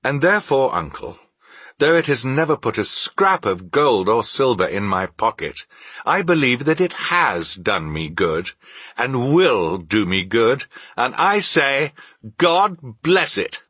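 Man acting a bright, cheerful young nephew. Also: mid-range voice, sing-song, slow pace, husky, dry recording, voice pushed up, exaggerated voice. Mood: earnest. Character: cheerful, warm-hearted young nephew, earnest and good-natured. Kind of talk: dramatized storybook reading.

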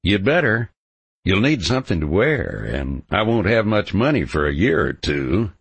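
A man voicing a bold, stubborn drifting cowhand in an audiobook, cocky and romantic, speaking bluntly and confidently in a gravelly voice. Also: fairly low pitch, big pitch swings, normal speed, no room sound, pitched above the performer's own voice, exaggerated voice. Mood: teasing. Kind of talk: audiobook character dialogue.

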